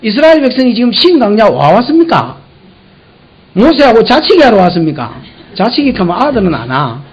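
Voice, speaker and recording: A male pastor with a Gyeongsang Korean accent preaching an expository sermon, swinging from soft to shouting and acting out quarrels in dialect. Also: sits high, huge pitch swings, brisk, breathy edge, highs cut off.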